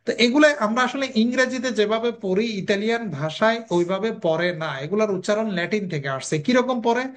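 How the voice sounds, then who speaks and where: A language teacher giving a recorded lesson. The teacher asks questions and answers them, and repeats each sound slowly for drilling. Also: medium pitch.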